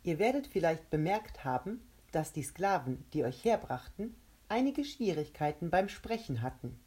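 A woman voicing a gloating male monster made of a huge mouth, who taunts and shouts triumphantly. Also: on the low side, sing-song, moderate pace, husky.

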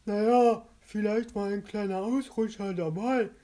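A woman voicing a nervous, giggly male companion who stumbles slowly over his words. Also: medium pitch, fairly even intonation, warm tone, pitched above the performer's own voice, lightly acted.

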